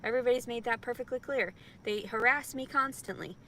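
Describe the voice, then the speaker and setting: A woman's voice: on the high side, brisk, fairly bright tone, a little hiss or hum. A distressed woman ranting tearfully and repetitively to her camera in a vlog, in pain and upset. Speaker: vlogger. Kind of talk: emotional vlog rant.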